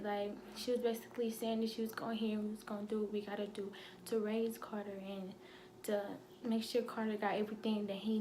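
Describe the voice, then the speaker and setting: Young woman, teary confessional vlog, flat tone, faint hiss behind. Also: on the high side. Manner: halting, many fillers and restarts. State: holding back tears. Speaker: vlogger. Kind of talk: emotional personal story.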